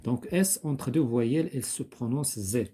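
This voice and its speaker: A man with a Moroccan accent teaching French spelling, slowly repeating each word and thinking aloud as he goes. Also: mid-range voice, animated, mellow, a little hiss or hum. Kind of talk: slow classroom explanation.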